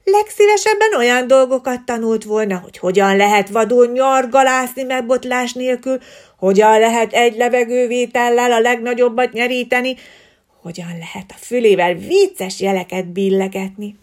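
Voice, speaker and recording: A woman reading a children's story aloud in an expressive, lilting storybook manner. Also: fairly high pitch.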